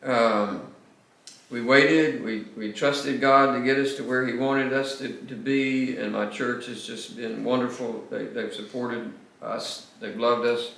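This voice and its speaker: Older man, pastor lecturing, emphatic, roomy echo, mid pitch. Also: fairly even intonation, a little slow, creaky, fairly bright tone, far from the mic. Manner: emphatic, repeats words when restarting. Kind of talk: classroom lecture with anecdotes. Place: classroom. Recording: echoey classroom.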